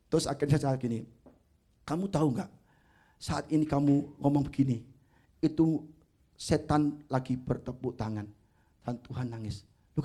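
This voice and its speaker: Middle-aged guy preaching, high voice, tells stories and acts out the back-and-forth talk. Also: warm tone. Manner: storytelling, acting out dialogue, addresses listeners as "saudara". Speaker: preacher giving a testimony. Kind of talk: sermon testimony.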